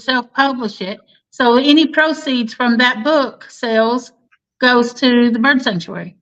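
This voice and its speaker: A woman who writes books, talking on a livestream in casual chat and eagerly pitching ideas. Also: a bit bright. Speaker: host, author. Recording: dull lo-fi livestream audio.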